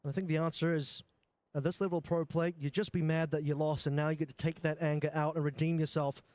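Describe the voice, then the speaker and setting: A man's voice: fairly high pitch, level tone, quick pace, darkish tone, no echo. A man giving live esports commentary as a match caster.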